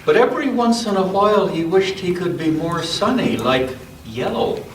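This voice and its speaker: For an all-ages church group, a male storyteller with a high-pitched, expressive voice reads a children's story, pausing dramatically and stressing words with intent. He breaks off for casual conversation with his listeners. The indoor sound is echoey, recorded from a distance with faint noise.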